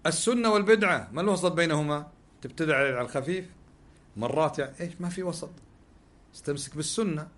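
A man teaching a religious lesson, posing rhetorical questions and answering them himself. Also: on the high side. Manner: Gulf Arabic dialect. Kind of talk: sermon-style lesson with questions.

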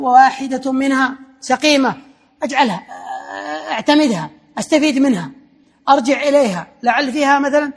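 Male lecturer, high voice, explanatory classroom delivery with restarts. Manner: explanatory, repeating points, frequent restarts.

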